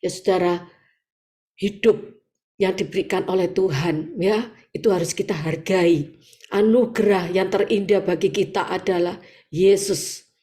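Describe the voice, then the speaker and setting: A woman with an East Javanese accent preaching a sermon over a video call, lively, acting out quoted voices and laughing often. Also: fairly low pitch, a little slow, pauses often. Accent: East Javanese Indonesian. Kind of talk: sermon at an online morning prayer meeting. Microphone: video call audio.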